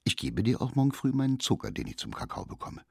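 A man's voice: medium pitch, wildly swooping pitch, fast talker, vocal fry, darkish tone, slightly rough, no echo, studio quality, pitched above the performer's own voice, full character voice. A man reading as a stubborn, scheming little child.

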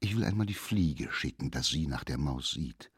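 A man's voice: extremely low pitch, lively intonation, moderate pace, husky, no room sound, studio quality, voice pushed down, heavily acted. A man voicing a naughty, stubborn child in a fairy tale who schemes and coaxes animals to help him. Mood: scheming.

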